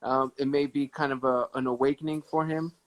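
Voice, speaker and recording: A man in his thirties hosting a casual livestream chat with a fan, warm and often repeating words as he thinks. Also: medium pitch, fairly even intonation, fairly quick, low-quality recording. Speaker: livestream host. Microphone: phone on a live video stream.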